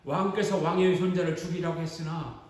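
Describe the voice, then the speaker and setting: Male pastor, animated storytelling sermon, high voice, booming church echo. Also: brisk. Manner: animated, dramatic retelling. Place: church sanctuary. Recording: echoey church hall.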